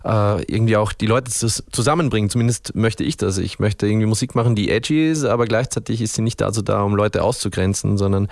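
A man's voice: lowish voice, fast talker, vocal fry, hardly any pauses, darkish tone, dry recording, studio quality. A man from Upper Austria with an Austrian accent, a band frontman giving a radio interview, thinking aloud and restarting his sentences. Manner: thoughtful, searching for words, many restarts.

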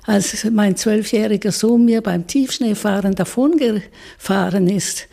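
Gravelly old Swiss woman. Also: medium pitch, measured pace, dark tone. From Switzerland. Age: 80s. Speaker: psychologist interviewee. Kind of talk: recorded interview.

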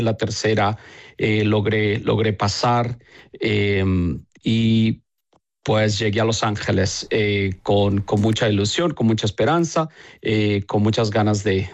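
A man from El Salvador, a bishop, answering interview questions slowly, with many pauses and fillers. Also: fairly low pitch.

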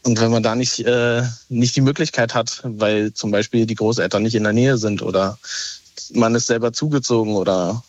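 A Berlin man in his thirties phones in to a radio show, explaining himself hesitantly with lots of fillers and restarts in a casual chat. His voice sits at medium pitch with fairly even intonation and a normal pace. It comes through a telephone as a dry, dull, lo-fi line.

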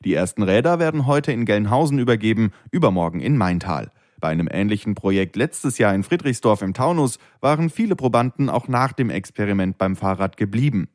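Deep-toned male regional radio reporter. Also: expressive, brisk, hardly any pauses, a little mellow, dry recording, clean studio sound. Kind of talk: scripted radio news report.

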